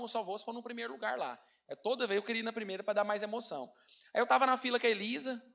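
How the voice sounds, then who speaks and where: Speaking fast with a Brazilian Portuguese accent, a male pastor recounts a story from his sermon. His high, lively voice stays animated as he repeatedly addresses the congregation as brothers.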